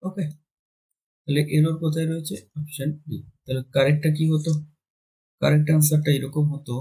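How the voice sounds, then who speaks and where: A man teaching English grammar for exams, with a slightly high, husky voice. He explains each point step by step, asking his own questions and answering them. He slows right down when reading out example sentences. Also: fairly even intonation, mellow, poor audio. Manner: switches between Bengali and slowly dictated English. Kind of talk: exam-prep grammar lesson.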